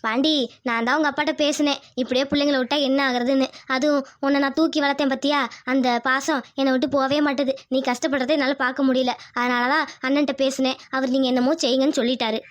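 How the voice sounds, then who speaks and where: A woman's voice: sits high, flat delivery, no room sound, lightly acted. A woman voicing a bossy middle-aged aunt in a cartoon. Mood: earnest. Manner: brisk, persuasive. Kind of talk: cartoon voice acting.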